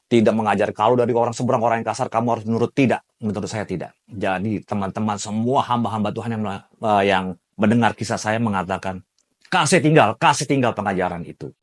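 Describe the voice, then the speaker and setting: Man, lowish voice, personal testimony, emotional storytelling, shouts quoted lines. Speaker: theology student giving a testimony.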